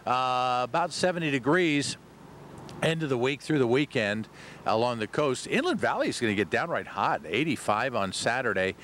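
A man's voice: medium pitch, animated, normal speed, fairly bright tone. American TV weatherman, noisy outdoor live shot. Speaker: TV weather forecaster. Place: outdoors on a city waterfront at night. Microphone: handheld microphone.

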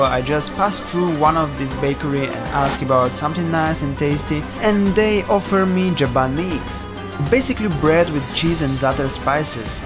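Man narrating a voice-over. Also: on the high side. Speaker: travel vlogger.

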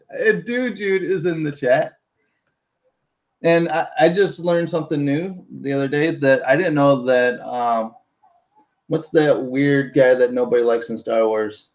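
Slow-talking man hosting a livestream. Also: fairly high pitch, darkish tone, muffled recording. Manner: laughs often, reads chat aloud. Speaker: livestream host. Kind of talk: casual livestream chat.

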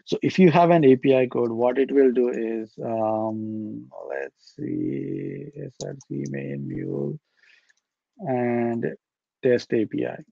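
A young man presenting a live software demo at a meetup over a video call, talking casually and thinking aloud with fillers. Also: mid-range voice, slow, gravelly, no room sound, muffled recording. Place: indoor room.

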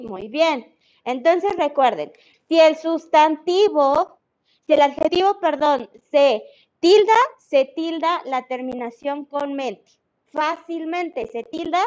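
Her voice is high with a somewhat dark tone. She teaches an online class in a Mexican Spanish accent, explaining things patiently and making sure her students keep up, all over a video call.

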